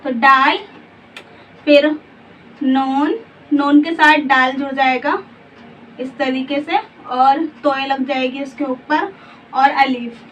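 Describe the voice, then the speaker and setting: A woman with a high voice teaches slowly and patiently, naming each letter before she reads out the full word. She sits back from a distant mic, so the sound is dull and muffled with a faint hiss behind her. Every few words she checks in with a quick question to the learner. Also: steady tone, fairly bright tone. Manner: spells out letters one by one, then reads the word. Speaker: Urdu teacher. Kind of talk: slow spelling lesson.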